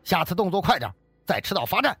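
A man voicing a hot-tempered male squad leader who speaks in gruff, curt threats. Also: high-pitched, big pitch swings, fast, a bit bright, exaggerated voice.

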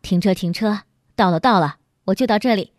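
A woman voicing a crafty country man newly arrived in the city, in a lowered, plainspoken voice. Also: brisk, no echo, clean studio sound, close to an everyday voice. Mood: flustered.

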